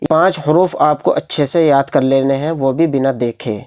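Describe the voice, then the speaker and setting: Man, Quran reading teacher, warm smooth voice, fast explaining, slow syllable drills. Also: a little high, fairly even intonation. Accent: Pakistani Urdu.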